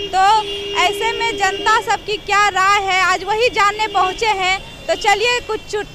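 A woman's voice: extremely high pitch, background noise. A woman street reporter, chatting with passersby and coaxing them with questions on a busy street. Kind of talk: street vox pop reporting. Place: busy street crossing outdoors.

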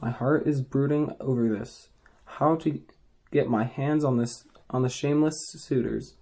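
A weary hero of old speaks grimly of his troubles, read by a man in his own voice. The tone is low-key and mellow. It is restrained rather than theatrical. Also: steady tone, unhurried. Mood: brooding.

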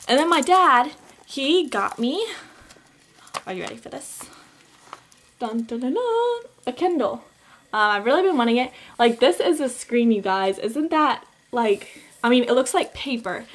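A woman's voice: a little high, fairly bright tone. A teenage girl talking casually on a home vlog, upbeat and chatty with lots of fillers, recorded on a camcorder mic. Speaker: vlogger. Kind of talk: casual holiday haul vlog. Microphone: camcorder built-in mic.

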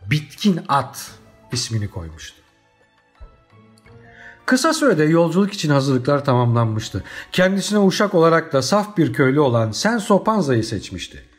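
Man, audiobook narrator, children's story, expressive, dramatic, faint music. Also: medium pitch.

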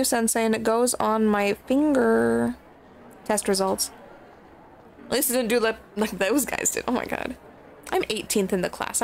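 A woman chatting through a dating game in casual let's-play commentary, excitable and crude, with playful swearing. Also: on the high side, vocal fry, a little hiss or hum. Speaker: streamer playing a dating game. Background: game music.

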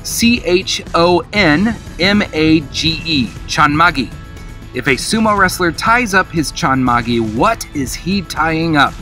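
An upbeat middle-aged man hosts a trivia quiz in the manner of a cruise director. His voice is bright and fairly high for a man, with some music in the recording. He addresses the viewers casually and encouragingly. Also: animated, slow pace. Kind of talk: casual quiz hosting to camera. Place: outdoors in an open park.

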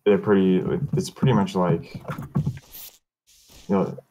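A man's voice: deep voice, fairly even intonation, slow pace, dull audio, background noise. A young man in a casual gaming voice chat, explaining things in a loose, laid-back way. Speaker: gamer.

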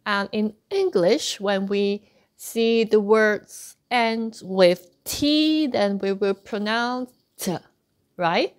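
A woman's voice: mid-range voice, drawn-out words. A woman teaching an online language lesson, patiently repeating sounds for practice. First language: Cantonese. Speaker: Cantonese teacher.

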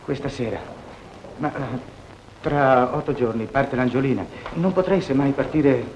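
A man's voice: medium pitch, unhurried, a little mellow, dull audio, slight background noise, lightly acted. An actor playing a lovesick, weak-willed young man in a 1940s film, pleading and apologetic.

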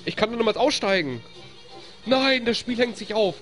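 Here a German-accented gamer streams live and gives a lively let's-play at a moderate pace in a mid-range voice. Frequent cheering and laughter give way to grumbles whenever the game gets stuck, and faint music sits behind the talk.

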